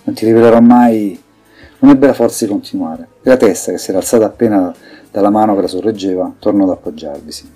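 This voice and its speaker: A man reading scripted fantasy narration in an even, measured way. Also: low-pitched, slightly rough. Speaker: audiobook narrator. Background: faint music.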